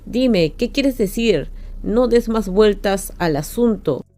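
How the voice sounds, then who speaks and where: A man's voice: high-pitched, expressive, takes it slowly, mellow, soft background music, full character voice. Woman doing a nervous guy kim, voice kinda trembly, pleading. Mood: worried. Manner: shaky, pleading. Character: anxious young man, trembling.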